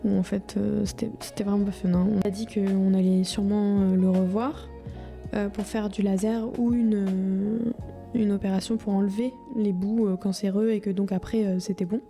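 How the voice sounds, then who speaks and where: With background music behind her, a woman in her 20s keeps a casual video diary aimed at her future self, her speech informal and hesitant. Her mid-range voice is dark in tone and flat, moving at a normal speed, and it's captured by a microphone placed before the camera.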